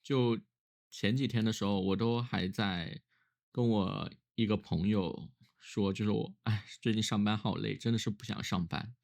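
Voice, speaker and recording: Weary low-voiced man with heavy vocal fry. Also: fairly even intonation, moderate pace, darkish tone. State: ill with a cough. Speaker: solo vlogger. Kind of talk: casual reflective monologue.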